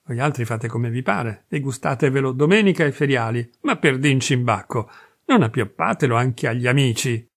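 A man's voice: mid-range voice, animated, normal speed. A male reader voicing a brash, mocking freethinking Parisian man who talks boastfully and scornfully.

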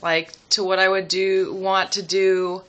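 A young adult woman chatting casually and personally to the camera at home, hesitant and reflective, pausing as she thinks aloud. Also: mid-range voice, little pitch movement, a bit bright. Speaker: vlogger. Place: small room at home, seated indoors.

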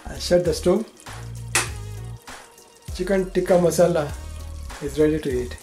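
An older man, host of a home cooking show, giving calm, plain step-by-step cooking instructions. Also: a little high, unhurried, soft background music.

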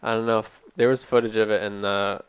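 A man's voice: on the low side, level tone, fairly quick, clear, resonant tone, no room sound, highs cut off. A man in his thirties telling stories in an easygoing, agreeable podcast chat. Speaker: podcast co-host. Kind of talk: casual chat. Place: small studio room, indoors. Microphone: boom mic with headphones.

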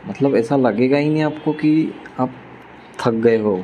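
A man's voice: mid-range voice, a little slow, warm tone, slight background noise. Chatty young male travel vlogger. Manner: chatty, enthusiastic, addresses viewers as brother. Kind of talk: casual travel vlog narration.

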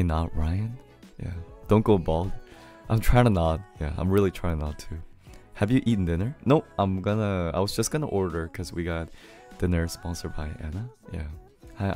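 A hoarse, low-voiced Korean man in his 20s runs a casual live stream, his throat worn from singing too loud. At a moderate pace and in a laid-back way, he reads viewer messages aloud, greets viewers one by one, and laughs often while his favorite song plays softly behind him.

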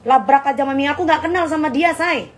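Selling bags on a casual live stream, a brash middle-aged woman trash-talks and addresses her viewers as darling. She speaks in a high voice at a brisk pace.

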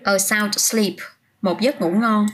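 A woman's voice: mid-range voice, steady tone, slow pace, a bit bright, a little hiss or hum. A woman teaching English vocabulary on a casual livestream, chatting, answering viewers' comments by name and often restarting her sentences.

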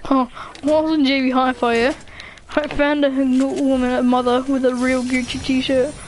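A woman's voice: sits high, flat delivery, moderate pace, a little hiss or hum. A young woman chatting casually and swearing freely while she plays a game, mocking her own skill. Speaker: gamer. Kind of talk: casual gameplay commentary.

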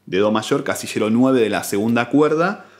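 A man, a guitar teacher giving a calm, methodical step-by-step tutorial, counting out strings and frets. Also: medium pitch, moderate pace. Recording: guitar playing loudly between phrases.

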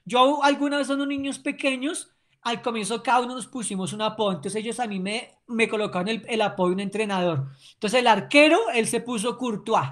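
A woman gives a recorded sports training lecture, speaking emphatically and often checking in with the class. Her voice sits a little on the high side. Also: brisk.

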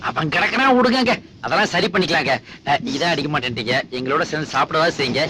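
A man's voice: a little high, animated, fast talker, a crowd in the background, lightly acted. Man playing a brash wisecracking train passenger. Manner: brash, wisecracking, turns pleading. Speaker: film comedian. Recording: film soundtrack with music behind.

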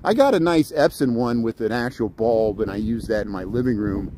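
A mid-range-voiced, middle-aged man with a Midwestern American accent, from Indiana, rambles casually during a livestreamed walk in a city park. His talk is halting and skips from one subject to another, with traffic making the outdoor ambience noisy.

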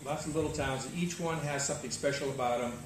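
With a quick pace and a steady, mid-range voice, an older man explains his work organizing cruising services in an easygoing, matter-of-fact interview. The recording, made on an outdoor tropical veranda, is distant, echoey, and full of noise.

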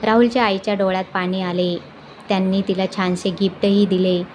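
A woman reading a scripted moral story aloud in an even, measured narrating voice. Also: medium pitch, a little hiss or hum.

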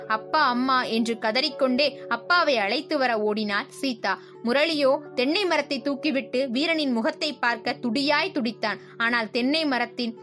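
Young woman narrator, high voice, steady storybook delivery over soft music. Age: young adult. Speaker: audiobook narrator.

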